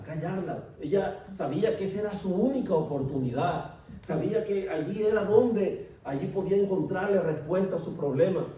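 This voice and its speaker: Echoey preacher, heard from afar. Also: male voice, sits high, mellow, a little hiss or hum. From Colombia. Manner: emphatic, with rhetorical questions to the congregation. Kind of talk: sermon. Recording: echoey hall, distant mic.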